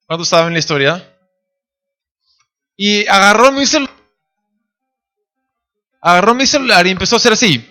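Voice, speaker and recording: A man in his thirties preaches in a church with a very high, bright, ringing voice. He tells stories and acts out the people in them, jumping up to shouts at the climaxes, with soft music behind him. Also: expressive, moderate pace, long pauses. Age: 30s. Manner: storytelling, acting out family voices, shouting at high points. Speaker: pastor. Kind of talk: sermon. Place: church sanctuary.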